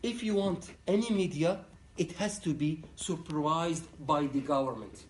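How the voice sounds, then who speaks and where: In a university lecture room, a man from Ahwaz, southwestern Iran, whose first language is Arabic, gives a conference talk as a human rights activist. He speaks sincere, straightforward, halting English in a slightly high voice. The distant recording is echoey, with a little hiss or hum.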